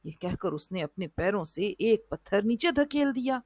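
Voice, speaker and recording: A woman narrating a children's moral story in an even storybook reading style. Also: medium pitch, moderate pace, no room sound, studio quality.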